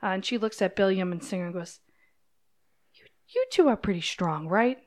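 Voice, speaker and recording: A woman voicing an elegant, wary club hostess who speaks low and confidingly. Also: expressive, normal speed, close to an everyday voice.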